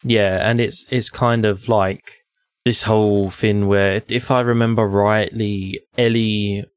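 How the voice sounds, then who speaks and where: A man's voice: fairly low pitch, flat delivery, takes it slowly, clean tone, dry recording. A man co-hosting a podcast, chatting casually about a video game, hesitant and often restarting his words.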